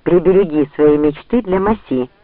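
A man's voice: fairly high pitch, moderate pace, no room sound, natural voice. A man reading an audiobook, voicing a proud, defiant young noblewoman in a cutting tone. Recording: dry, tinny phone-like sound.

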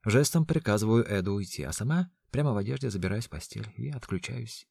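A man narrating a story in a hushed, tense reading style. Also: fairly low pitch, lively intonation, quick pace, gravelly, breathy edge, no echo. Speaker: audiobook narrator. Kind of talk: scripted narration.

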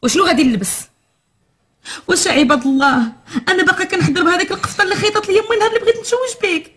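A woman's voice: very high-pitched, very fast, fairly bright tone. An actress playing a Moroccan wife who nags and complains to her husband in film dialogue. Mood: scolding. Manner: nagging, complaining. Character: nagging married woman, scolding her husband.

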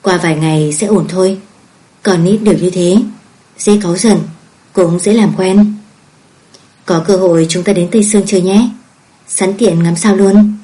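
A woman voicing a kindly middle-aged father who calmly reassures his daughter, in her own mellow voice. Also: on the low side, normal speed, long pauses, lightly acted, rough recording. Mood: reassuring.

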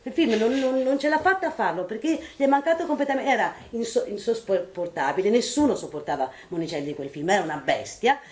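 A woman on a panel at a book presentation, recounting film-set anecdotes in a lively way and laughing as she goes. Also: a little high, fast, hardly any pauses. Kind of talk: anecdotal public talk. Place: bookshop event room.

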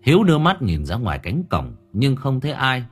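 Husky man reading a horror story. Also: mid-range voice, fairly quick. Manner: expressive, dramatic reading. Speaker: audiobook narrator. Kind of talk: scripted horror story narration. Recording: faint music underneath.

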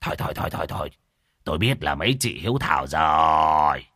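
A man's voice: rumbling low, animated, fairly quick, bright, forceful tone, no echo, clean studio sound, full character voice. A man putting on a bossy, cursing old village shaman. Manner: bossy, scolding, curses freely. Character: gruff greedy old male village shaman.

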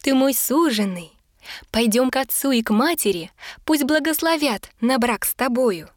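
A woman reading the part of a beautiful village maiden in a fairy tale, with a bright, eager delivery. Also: high voice, animated, moderate pace, no room sound, studio quality.

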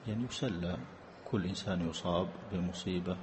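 A man giving a religious lesson in a large mosque, reading out questions and then explaining each one deliberately. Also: sits low, fairly even intonation, noisy background. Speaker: mosque teacher answering questions.

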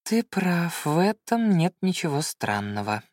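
A man voicing a teasing, cheerful young man in an audiobook, his lines read a little higher and playful. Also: very animated, a little fast, no room sound, studio quality. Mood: thoughtful.

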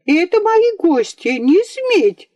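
A woman voicing a spoiled, excitable little girl in an audiobook, talking in a shrill, insistent voice. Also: a little slow, no echo.

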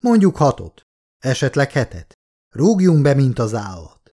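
A male audiobook reader voicing a gruff, blunt foreman who swears and wants to get drunk. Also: mid-range voice, very animated, mellow. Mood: rowdy. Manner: blunt, rowdy. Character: gruff hard-drinking male foreman boss.

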